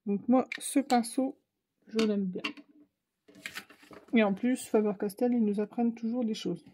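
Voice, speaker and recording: A woman's voice: fairly high pitch, fairly even intonation, unhurried, mellow, slight background noise. A woman with a Ch'ti accent from northern France, chatting casually to viewers while she tries out art supplies. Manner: chatty, thinks aloud while painting. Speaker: craft channel host.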